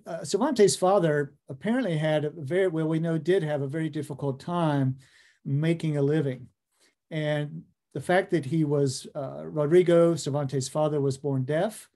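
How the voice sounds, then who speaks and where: A middle-aged American man lecturing conversationally over slides, pausing often with ums as he thinks. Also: a little high, mellow. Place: indoor room, video call.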